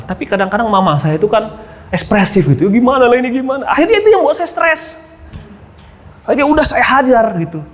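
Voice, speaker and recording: A man preaching a sermon, often calling out to the congregation and dropping to quiet asides. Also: high voice. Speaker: pastor. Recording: long hall reverb, faint background ambience.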